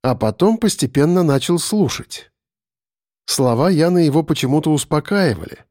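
A man narrating an audiobook in an even, measured reading. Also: fairly high pitch, no echo, clean studio sound.

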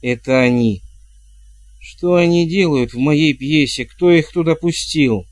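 A man voicing a terrified wicked duke with a hoarse, rasping voice. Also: a little high, measured pace, no room sound, voice pushed up, lightly acted. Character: frightened wicked duke, wheezing.

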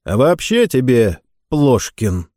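Male audiobook narrator, expressive and wry, dry close sound. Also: medium pitch, slow, no echo.

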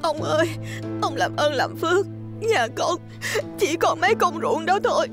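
A man's voice: animated, moderate pace, music in the background. A man voicing a desperate poor peasant mother who pleads with a landlord in a ghost story. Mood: pleading. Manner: pleading, high falsetto.

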